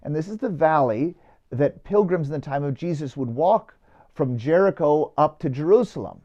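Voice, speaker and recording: Priest telling a story in a homily. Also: male voice, a little high, animated, moderate pace, dark tone, muffled recording. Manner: conversational, with filler "uh" and restarts.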